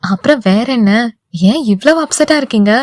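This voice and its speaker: A woman's voice: fairly high pitch, expressive, fairly quick, a little mellow, no room sound, clean studio sound, natural voice. A woman voicing a young woman with a childlike, pleading way of talking. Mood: playful. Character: young woman, playful then anxious.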